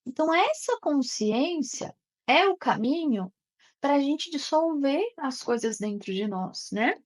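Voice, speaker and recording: A therapist teaching a live online course speaks in a high, expressive voice, taking things slowly. She keeps the class conversational and often checks in with her listeners.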